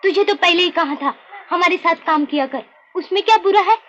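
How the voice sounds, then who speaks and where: A blunt working woman, very high voice, dull old film sound, faint hiss. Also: brisk, a bit bright. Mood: chiding. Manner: blunt, chiding. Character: brisk caring fellow labourer woman, blunt. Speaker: neighbour. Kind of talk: 1950s film acting.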